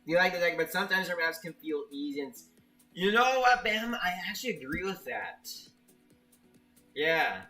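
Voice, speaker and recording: A man's voice: a little high, lively intonation, normal speed, pushed and bright, recorded from a distance, soft background music. A man streaming a game and chatting with his viewers, who stammers and restarts his sentences often. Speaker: streamer, level maker. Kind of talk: casual live-stream chat, reading viewer chat.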